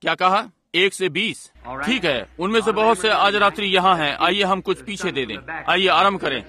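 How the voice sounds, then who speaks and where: Earnest high-voiced male preacher. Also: normal speed, sharp tone. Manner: earnest, repetitive preaching with asides to the congregation. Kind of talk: Hindi sermon and prayer.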